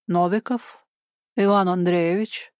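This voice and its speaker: A woman voicing a young female police captain who questions in a cautious, measured way, in an audiobook. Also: on the low side, fairly even intonation, darkish tone, smooth, dry recording, studio quality. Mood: wary. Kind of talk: audiobook character voice.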